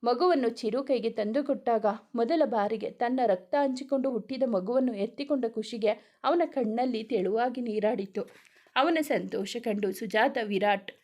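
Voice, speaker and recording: A woman storyteller narrating a romance serial aloud, reading in a steady, even pace. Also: a little high, normal speed.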